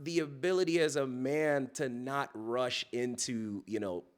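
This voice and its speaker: A man's voice: medium pitch, unhurried. A man giving blunt, opinionated views in casual slang during a roundtable chat.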